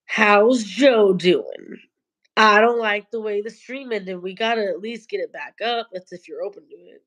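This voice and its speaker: Talking into her phone camera on a late-night livestream, a woman with a cold chats casually, her mid-range voice a bit bright and moving at a moderate pace. She sounds nasal and congested, rambling loosely as if a little stoned.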